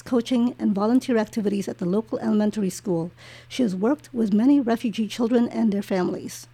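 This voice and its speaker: A woman hosting a podcast, her voice mellow and a little husky. She reads the guest introduction smoothly, then turns to soft, encouraging questions. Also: mid-range voice. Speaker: podcast host. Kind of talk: scripted introduction and interview.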